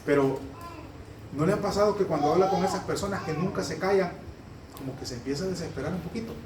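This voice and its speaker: Male pastor, high voice, quick and chatty sermon delivery with loud emphatic peaks, roomy church sound heard from a distance. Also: crowd noise. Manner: fast-talking, humorous, conversational preaching. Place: church sanctuary. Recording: echoey hall, heard from a distance.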